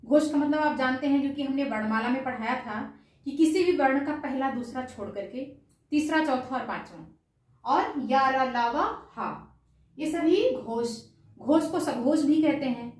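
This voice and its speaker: A woman's voice: sits high, normal speed, a little mellow. A woman teaching an exam-prep grammar lesson who asks each question and answers it herself, repeating the answer. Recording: very echoey room, distant mic.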